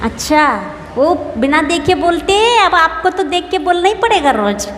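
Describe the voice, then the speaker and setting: A woman, a nun, patiently leading a scripture recitation class, correcting pronunciation and gently teasing her students. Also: extremely high pitch, sing-song, normal speed. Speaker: Jain nun teaching scripture. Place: temple hall. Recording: echoey hall with long reverb, faint hiss.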